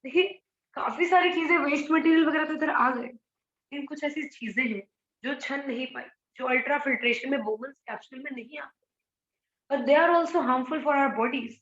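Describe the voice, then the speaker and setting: A woman's voice: high voice, moderate pace, fairly bright tone, reverberant, lo-fi sound. A woman teacher explaining a biology lesson, switching between Hindi and English and asking her students rhetorical questions. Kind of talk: online biology lecture.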